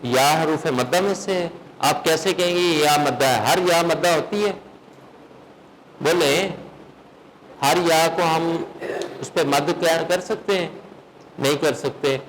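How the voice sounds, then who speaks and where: A man teaching a recitation class, quizzing his students on the rules and chanting verses slowly to show how they are read. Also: a little high, fairly bright tone, slight background noise, low-quality recording. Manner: questions students, then chants verses in slow melodic recitation. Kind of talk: classroom lesson.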